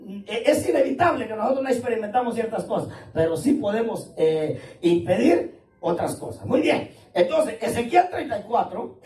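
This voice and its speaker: A pastor with a high-pitched, slightly mellow voice preaches to his congregation in church in a casual, talkative, colloquial way, calling his listeners "brother" ("hermano"). The rough recording sounds roomy and distant.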